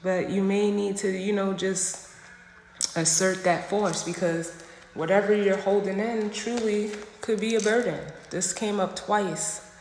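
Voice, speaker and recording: A woman's voice: medium pitch, steady tone, unhurried, a little mellow. Emphatic woman giving a tarot reading. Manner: emphatic, repeats phrases, slangy direct address. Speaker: tarot reader. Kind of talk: casual livestream tarot reading. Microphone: phone livestream. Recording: echoey room with long reverb, faint noise.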